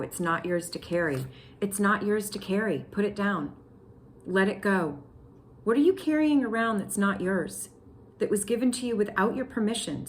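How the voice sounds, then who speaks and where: Young female tarot reader, chatty and emphatic, addresses viewers directly, mid-range voice, light room noise. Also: medium pitch. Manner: excitable, talks straight to viewers, slangy. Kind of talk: casual tarot reading to camera.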